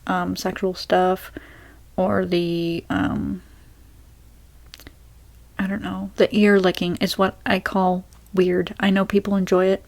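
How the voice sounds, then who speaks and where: A young woman, an ASMR creator, talking softly and rambling through a Q&A with many fillers and restarts. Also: fairly low pitch, flat delivery, slow pace, creaky, long pauses. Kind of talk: soft-spoken rambling Q&A.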